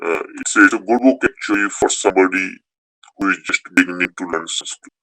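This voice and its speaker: Deep-voiced man teaching Sanskrit grammar. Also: brisk, bright, forceful tone, no echo, poor audio. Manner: explains rules step by step, repeats key points. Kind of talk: online class lecture.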